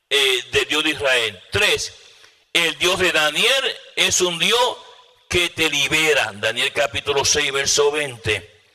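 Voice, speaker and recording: A man's voice: fairly high pitch, pushed and bright, long reverb tail. A man preaching a sermon as a pastor, swinging his voice up and down and firing rhetorical questions at the audience.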